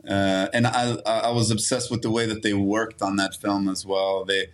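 A man's voice: lowish voice, little pitch movement, normal speed. A man from Sweden in his thirties, an actor talking casually as a guest, with many restarts and fillers. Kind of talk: casual interview talk.

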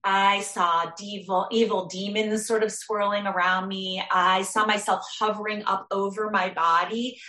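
Woman guest, earnest storyteller, halting delivery, bright tone, roomy echo. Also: medium pitch, little pitch movement. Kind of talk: personal storytelling in an interview.

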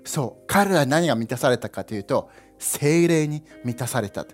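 A young man preaching a lively sermon, playful and animated, with sound effects and asides to the congregation. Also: mid-range voice, moderate pace, faint music behind. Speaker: pastor.

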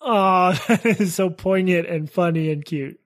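A man co-hosting a podcast, speaking into a phone held next to his microphone, wry and quick to laugh. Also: high-pitched. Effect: speaking into a phone held beside the microphone. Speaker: podcast co-host. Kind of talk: casual banter. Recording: thin phone audio.

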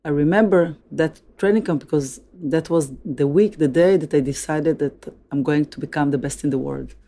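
A woman's voice: low-pitched, normal speed, dark tone. A woman in her fifties with an Israeli accent, a native Hebrew speaker, answering interview questions in English with many uh and you know fillers. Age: 50s. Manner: frequent fillers like uh and you know, plain direct phrasing. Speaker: interview guest, former Olympic athlete.

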